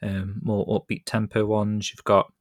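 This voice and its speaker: The podcast host, a British man, chats casually in a rambling manner and laughs easily. He has a lowish voice with a completely flat delivery at a measured pace. There's no echo, just clean studio sound.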